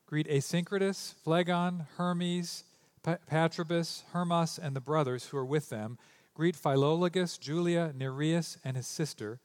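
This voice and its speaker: With a fairly high, slightly mellow voice, a male pastor delivers a sermon into a stage mic in a church sanctuary. He reads from scripture, then speaks loosely, stumbling now and then and dropping in joking asides.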